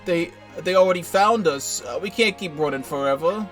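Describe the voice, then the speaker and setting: A man voicing a smitten young mobster, soft and coaxing toward his girlfriend. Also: high-pitched, normal speed, soft background music. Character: smitten young male mob second-in-command.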